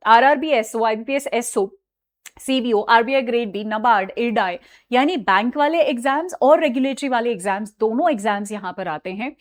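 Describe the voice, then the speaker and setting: A young woman teaching an online exam-preparation lesson, chatty and direct, mixing English phrases into her talk and often checking in with her students. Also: on the high side. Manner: chatty, mixes Hindi with English phrases, repeats "ठीक है?".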